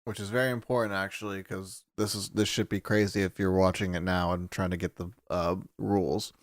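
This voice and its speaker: A man co-hosting a podcast, chatting casually, laughing often and acting out characters in quick voices. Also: deep voice, little pitch movement, dry recording, studio quality. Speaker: podcast co-host.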